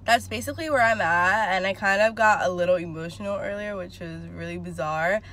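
A woman's voice: medium pitch, brisk, a bit bright. Chatty young woman vlogging in her car. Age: 20s. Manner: chatty, filler-heavy, candid. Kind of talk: casual rambling vlog to a phone camera. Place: inside a car, parked. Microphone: phone at arm's length.

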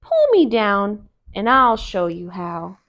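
A woman's voice: mid-range voice, sing-song, slow pace, fairly bright tone, exaggerated voice. A woman voicing a sly, cheerful male storybook rabbit who talks in a breezy, confident way. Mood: breezy, tricky.

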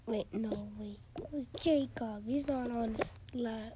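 A female player voicing a hesitant, forgetful female substitute teacher in a doll-game role-play, halting, on a noisy home recording. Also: a little high, lightly acted.

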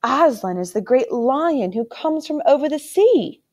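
A woman's voice: a little high, expressive, measured pace, mellow, pitched above the performer's own voice. A woman reading aloud, voicing an eager young boy prince who turns timid.

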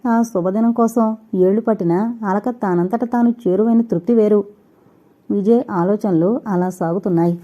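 A woman narrating a novel in a steady, measured storytelling manner. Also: medium pitch. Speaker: audiobook narrator. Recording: dull lo-fi recording.

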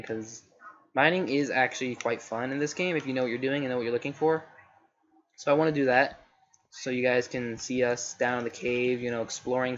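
A young let's play host gives rambling, chatty commentary while gaming, often correcting himself mid-sentence. His slightly scratchy voice is medium-pitched and fairly bright, captured in a slightly dull home recording with faint noise.

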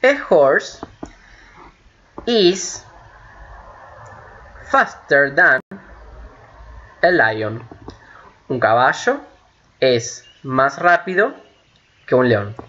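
A man teaching an English grammar lesson, patiently repeating points, checking understanding with frequent "ok?", and saying the English examples slowly and carefully. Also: medium pitch, big pitch swings, fairly bright tone. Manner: switches between Spanish and slow, carefully spoken English. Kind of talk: recorded online lesson explaining grammar. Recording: dull lo-fi home recording with faint hiss.

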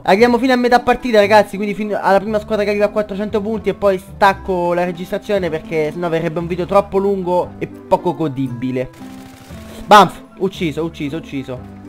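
A young man doing excitable gameplay commentary, swearing a lot and shouting in bursts. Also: sits high. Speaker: gaming YouTuber.

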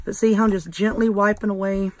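A Southern woman with a croaky, hoarse voice, chatting through a craft tutorial for her viewers. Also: medium pitch, flat delivery, quick pace. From North Carolina. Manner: friendly, chatty, addresses viewers as y'all. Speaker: crafting channel host.

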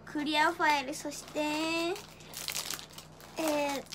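A teenage woman chatting casually on a livestream, excitable and giggly, with playful gyaru-style slang and silly sound effects. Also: high-pitched, extremely slow. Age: teens. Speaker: idol livestreamer. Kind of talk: casual livestream chat, showing gifts. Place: small decorated room indoors. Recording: faint background noise.

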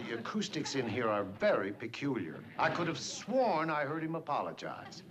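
An actor playing a wry, sarcastic middle-aged man in a 1970s sitcom, with a sardonic, quick delivery. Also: medium pitch, very animated, a crowd in the background, natural voice. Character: wry middle-aged boss, sarcastic toward his wife. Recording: hissy old TV soundtrack.

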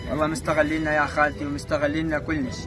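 A man's voice: fairly high pitch, level tone, racing. A man, complaining insistently and indignantly in a spontaneous street interview. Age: 20s. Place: outdoors among a crowd. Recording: loud music and crowd outdoors.

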